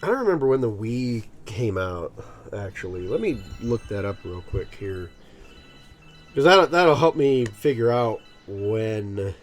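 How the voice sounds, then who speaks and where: A man's voice: lowish voice, big pitch swings, a little slow, soft background music. A man in his thirties giving rambling, casual let's-play commentary, full of ums and self-amused laughs. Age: 30s. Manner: rambling, filler-heavy, laughs at himself. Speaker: gaming channel host.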